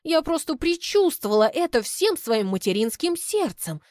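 A woman's voice: high voice, very animated, normal speed, a little mellow, dry recording, clean studio sound, voice pushed up. A woman voicing a gushing middle-aged mother in an audiobook, in a sugary, syrupy tone.

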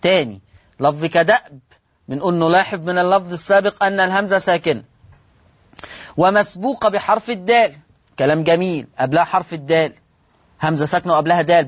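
A man's voice: high voice, dry recording, muffled recording. Egyptian man teaching recitation rules. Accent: Egyptian Arabic. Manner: asks rhetorical questions and answers them, slows down to stress rules. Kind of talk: televised religious lesson.

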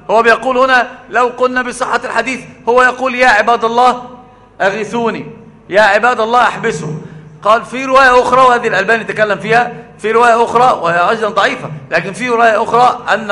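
A man's voice: sits high, bright, forceful tone, in a large hall. A man with an Egyptian accent explaining a book of religious creed, posing rhetorical questions and repeating his key phrases. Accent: Egyptian Arabic. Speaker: religious lecturer.

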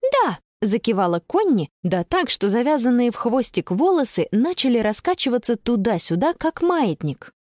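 A woman narrating a children's audiobook with expressive storytelling. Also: on the high side, normal speed, hardly any pauses, dry recording, clean studio sound. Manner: expressive storytelling, bright voice for the girl. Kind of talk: scripted narration.

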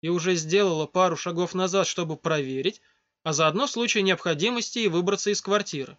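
Male story narrator, high voice, steady read, dry dull recording. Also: a little fast. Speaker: audiobook narrator. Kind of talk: scripted narration.

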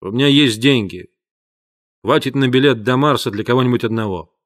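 A man's voice: medium pitch, a little fast, a bit bright, lightly acted. A man voicing a stern but tender father in an audiobook reading. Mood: firm. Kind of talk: audiobook character voice.

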